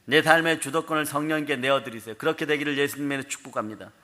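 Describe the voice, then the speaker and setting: A pastor preaching a fervent, emphatic sermon in a prayer sanctuary. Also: male voice, a little high, steady tone, quick pace, bright, forceful tone. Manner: fervent, emphatic preaching with repeated "amen hallelujah".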